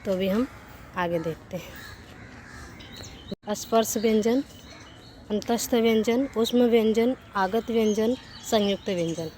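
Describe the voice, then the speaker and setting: Brief: female teacher, slow and deliberate, higher voice, spells out sounds, faint noise and crows behind. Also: mellow. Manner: repeats and corrects herself mid-sentence. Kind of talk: Hindi grammar lesson.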